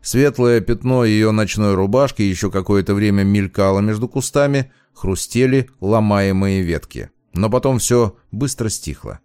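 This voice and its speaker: A male audiobook narrator with a low voice, telling a first-person tale in a measured, dramatic manner. The sound is dry and close, with no room around it. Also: darkish tone, smooth, no echo.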